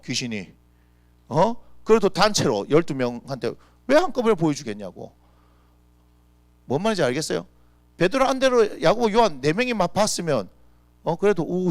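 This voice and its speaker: Animated gravelly-voiced male pastor. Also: on the high side, no echo. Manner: animated, full of rhetorical questions. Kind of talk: lively conversational sermon. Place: church.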